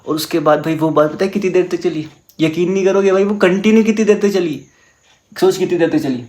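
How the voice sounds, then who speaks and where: A young man telling a personal story in casual chat, animated and mixing English words into his talk. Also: sits high, fairly quick. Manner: animated, mixes English into Hindi.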